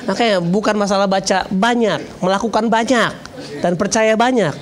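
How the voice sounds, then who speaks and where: A man's voice: high-pitched, moderate pace. A man in his thirties, a pastor preaching a sermon, telling a personal story with jokes and acting out conversations. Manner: storytelling, jokey, acts out dialogue.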